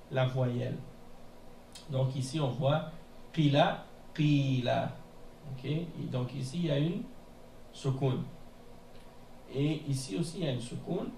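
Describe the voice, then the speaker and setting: A man teaching a beginners' class in a mosque classroom, explaining patiently and repeating words slowly, often checking with "hein?". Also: mid-range voice, creaky, darkish tone. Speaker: Arabic teacher. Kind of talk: classroom lesson. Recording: echoey room from a distance, faint noise.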